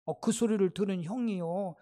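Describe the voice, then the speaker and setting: A male pastor preaching a sermon in a church, retelling a story lively and often asking the congregation questions. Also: sits high, moderate pace. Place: church sanctuary.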